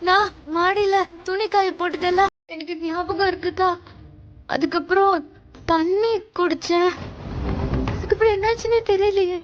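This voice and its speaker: An actress playing a dazed young woman who talks in a groggy, pleading way, with drawn-out cries, in a TV serial. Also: very high-pitched, fairly even intonation, muffled recording. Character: dazed young woman after a drugged drink. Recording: TV serial with loud music under it.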